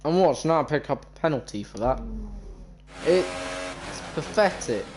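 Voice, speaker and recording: A man's voice: fairly high pitch, expressive, moderate pace. A British man giving casual, grumbling, exasperated commentary while playing a racing game. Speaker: gamer, video creator. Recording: racing car noise behind voice. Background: racing game engine sound.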